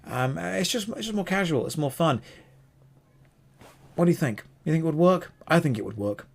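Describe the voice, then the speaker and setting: A man's voice: on the high side, animated, normal speed, gravelly. A man co-hosting a casual podcast, talking enthusiastically and wandering off on tangents. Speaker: podcast co-host.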